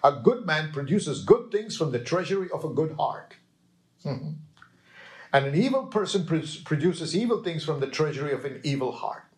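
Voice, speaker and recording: A man's voice: on the high side, sing-song. Man, sermon, emphatic delivery, raised voice, audience check-ins. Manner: emphatic, slow, with call-and-response checks to the listeners. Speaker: preacher.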